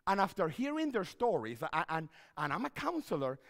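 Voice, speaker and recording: Animated man preaching in a church. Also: high voice, moderate pace, big-room sound. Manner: animated, repeats phrases, wide hand gestures while pacing. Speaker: pastor and counselor giving a seminar. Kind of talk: seminar talk in church. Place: church sanctuary stage.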